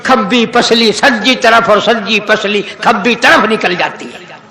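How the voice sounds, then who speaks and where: A man delivers a fiery sermon in a very high, bright voice. He stretches out his recited verses slowly and breaks into shouted rebukes. The sound rings with the echo of a large hall. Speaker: preacher. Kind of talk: impassioned sermon.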